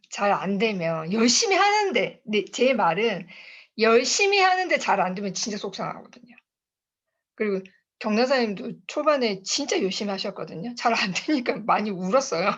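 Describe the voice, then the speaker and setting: Chatty woman with a lively, sing-song voice. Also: mid-range voice, moderate pace, lo-fi sound. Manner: chatty, laughs often, addresses listeners as bosses. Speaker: guest speaker at a sales team meeting. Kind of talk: motivational talk with personal storytelling. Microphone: online video call.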